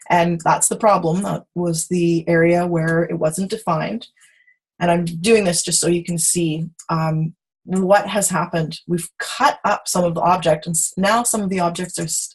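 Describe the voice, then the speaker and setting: A woman teaching design software on a video call, chatty and self-correcting as she demonstrates. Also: fairly low pitch, slightly rough, rough recording. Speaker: software instructor. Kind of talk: screen-share tutorial.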